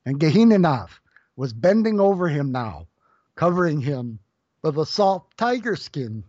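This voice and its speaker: A storyteller giving an expressive, lilting reading of a storybook. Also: medium pitch, unhurried, breathy edge, dry recording. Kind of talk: storybook narration. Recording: dull lo-fi dry recording.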